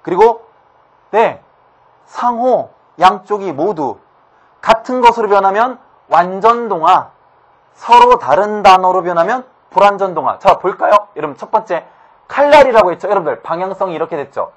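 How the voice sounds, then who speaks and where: A man teaching a grammar lesson briskly, often asking his students quick rhetorical questions. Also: high voice, animated. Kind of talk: online grammar lecture.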